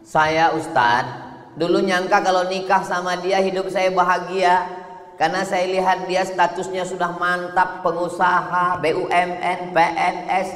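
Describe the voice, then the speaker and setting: A man's voice: high voice, little pitch movement, measured pace, a bit bright, pitched above the performer's own voice. A man voicing a woman who confides her disappointment in her husband to the preacher, in a plaintive tone. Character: woman complaining about her irreligious husband. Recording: echoey hall with faint ambient noise.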